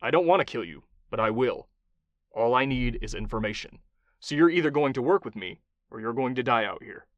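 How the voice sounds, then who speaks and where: A man playing a cold, unflappable interrogator in an audiobook thriller. The voice stays level and matter-of-fact, calm even under pressure. The sound is close and dry. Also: mid-range voice, fairly quick, dry recording, lo-fi sound, natural voice. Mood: cold menace. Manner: flat, matter-of-fact delivery. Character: cold, ruthless male interrogator, unmoved. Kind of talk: audiobook character voice.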